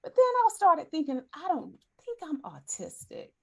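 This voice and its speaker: Her voice sits high and creaky, swinging hugely in pitch at a moderate pace. She's a podcast host in her forties, chatting candidly and casually while correcting herself mid-thought.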